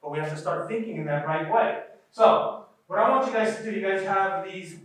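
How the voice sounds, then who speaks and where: A man with a fairly high voice leads a workshop, talking in a loose, conversational way and often checking in with his listeners. He sounds distant from the mic, and the room rings with strong echo. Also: fairly quick, a bit bright. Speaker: workshop presenter. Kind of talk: live workshop talk.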